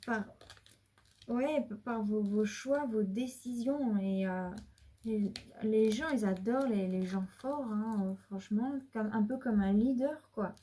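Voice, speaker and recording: A woman does a casual tarot reading to camera, chatting with her viewers, rambling, restarting often, and at times dropping to a whisper. Her voice is on the high side with a dark tone.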